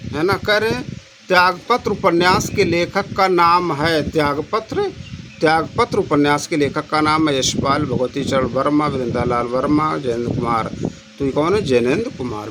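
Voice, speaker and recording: A man's voice: a little high, moderate pace. A man tutoring exam questions, repeating key phrases and drawing out each answer option. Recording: noisy background with passing traffic.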